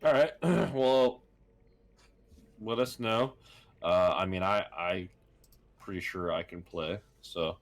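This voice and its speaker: A man with a low voice leads a tabletop game as its game master. He narrates in a halting way, full of ums and uhs, and chuckles as he goes. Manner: halting, with many fillers and chuckles.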